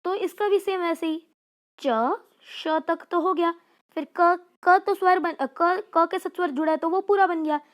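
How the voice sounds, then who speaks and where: A woman leads a lesson. Her voice sits high, and her delivery is unhurried. She spells out each word with care, then talks through the steps like a patient tutor. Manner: carefully spells out words one by one, then explains in a chatty teacher's way. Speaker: Sanskrit teacher. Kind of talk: classroom lesson explaining exercises.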